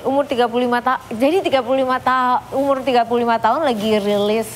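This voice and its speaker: A woman in her fifties from East Java, chatting as a singer guest on a TV talk show set, animated and laughing often. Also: on the high side, fast, a little hiss or hum. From East Java, Indonesia. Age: 50s. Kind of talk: casual talk show chat. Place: TV studio set.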